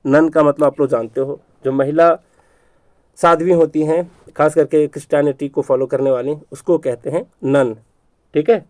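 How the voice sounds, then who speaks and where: A male teacher giving an exam-prep spelling lesson, repeating words slowly and stretching out syllables, with frequent checks on whether the class is following. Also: fairly high pitch, fairly even intonation, a little mellow, dry recording.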